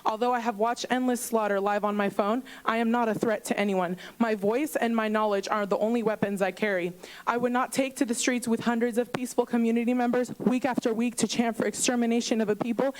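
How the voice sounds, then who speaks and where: A woman giving a prepared public comment at a city council meeting, speaking in an earnest, steady and impassioned way into a podium microphone. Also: a little high, rough recording.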